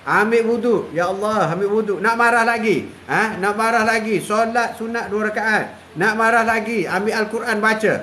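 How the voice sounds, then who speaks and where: Older male preacher with a high voice; live religious talk, lots of repetition and "ha" fillers. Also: pushed and bright, a little hiss or hum. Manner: repetitive, drawn-out, punctuated with "ha" and chuckles.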